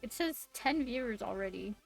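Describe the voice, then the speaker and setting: A woman's voice: on the high side, lively intonation, normal speed, vocal fry. A woman hosting a casual live stream, giggly and gushing over a cat. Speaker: host. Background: faint background music.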